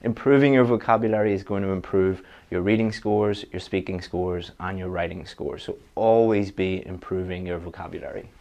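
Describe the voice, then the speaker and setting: A man's voice: low-pitched, normal speed, creaky, few pauses, darkish tone, lo-fi sound. A man teaching an online exam-prep lesson, giving direct, practical advice straight to his students. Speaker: IELTS teacher.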